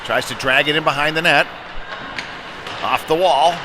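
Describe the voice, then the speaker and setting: A man with a voice on the high side calls live hockey at a moderate pace. He's a former goaltender whose easy, conversational style lifts into excited calls on big plays, with clear arena noise behind him.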